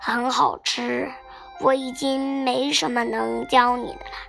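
A woman voices a big tyrannosaurus father in a children's storybook, gruff but tender. He speaks low and hushed with a slight gravelly edge. Light music plays under a slow, patient read. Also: little pitch movement. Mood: gentle.

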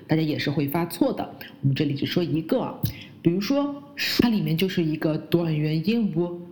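Warm-voiced woman teaching English pronunciation. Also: low-pitched. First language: Chinese. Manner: models English words slowly, repeating them. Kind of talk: pronunciation lesson.

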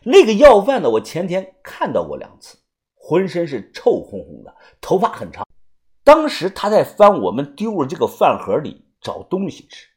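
A man voicing a young woman who tells of a stranger watching her, speaking softly in a raised voice. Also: huge pitch swings, normal speed. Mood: uneasy. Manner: soft, raised pitch, hushed. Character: young woman, pretty, uneasy companion.

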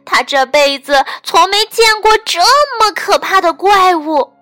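A woman storyteller gently and expressively reading a bedtime story to children. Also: very high voice, unhurried, faint music behind.

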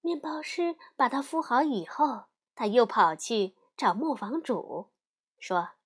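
A woman storyteller host narrating a fairy tale as a gentle bedtime story for children. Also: on the high side, big pitch swings, slow, breathy edge. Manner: gentle, addresses child listener.

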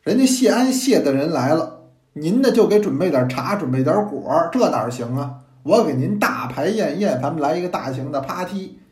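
A cheeky young nephew brags and complains , as a male storyteller puts him on. His voice rises and falls in lively turns, heard in an echoey room. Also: on the high side, moderate pace, close to an everyday voice. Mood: boastful. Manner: boastful, indignant.

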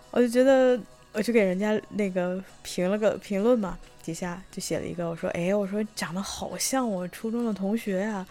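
Young woman, relaxed mid-pitch voice, chatty vlog storyteller, faint music underneath. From Tianjin, China. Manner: chatty, lots of fillers and restarts, bursts of excitement. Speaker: vlogger telling a personal story. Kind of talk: casual storytelling monologue.

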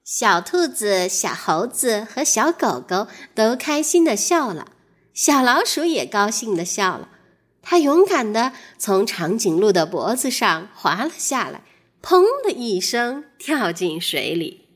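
A young adult woman reading a children's storybook aloud as a storyteller, in a slow, warm, expressive way. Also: medium pitch.

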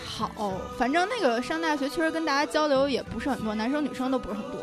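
A woman's voice: high voice, expressive, quick pace, music in the background. A woman recollecting things in informal, casual conversation.

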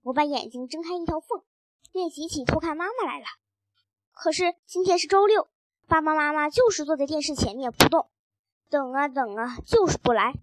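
A woman reading a children's story aloud in a lively, expressive first-person child's voice. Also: high-pitched, normal speed, a little hiss or hum.

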